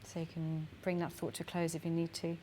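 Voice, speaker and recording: A woman's voice: sits low, monotone, fast, warm tone, a little hiss or hum. A woman leading a workshop, giving chatty, encouraging instructions for a group exercise and laughing between them. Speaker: workshop facilitator.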